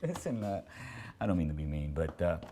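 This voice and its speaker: Brief: man as a worn-out divorced dad, deep voice, reluctant and dodging. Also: very animated, fairly quick, dark tone, a little hiss or hum. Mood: weary. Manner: reluctant, sighing, deflecting. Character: weary divorced male coworker, dad. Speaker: actor in training skit. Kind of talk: training video role-play.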